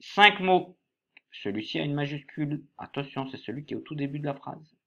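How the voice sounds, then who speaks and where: A man teaching a workbook lesson to young pupils, slowly spelling words letter by letter and stressing each syllable. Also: a little high, lively intonation, vocal fry, lo-fi sound.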